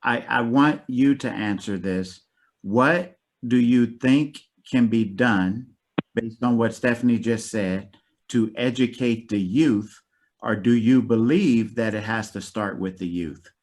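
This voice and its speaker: Male panel host, direct questioner, mid-pitched voice. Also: slow pace, a little mellow. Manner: direct, prompting. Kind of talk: online panel discussion.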